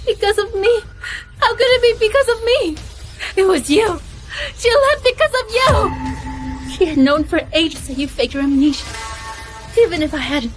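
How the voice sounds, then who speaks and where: A woman's voice: high-pitched, fairly even intonation, fairly quick, soft background music, lightly acted. A woman voicing a bitter, taunting young mistress in a dubbed drama.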